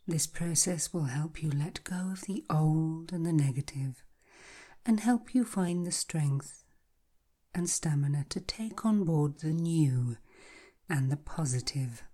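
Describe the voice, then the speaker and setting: A woman guiding a hypnotic relaxation in a soft, breathy, half-whispered voice, slow and soothing like a calming countdown. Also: low-pitched. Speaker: hypnotherapy guide. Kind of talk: guided hypnosis relaxation, scripted narration.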